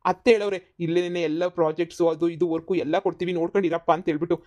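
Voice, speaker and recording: A woman's voice: on the low side, fairly even intonation, rapid-fire, a little mellow, natural voice. A woman voicing a young adult son torn between his mother and his wife, pleading with them. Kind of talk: cartoon comedy voice acting.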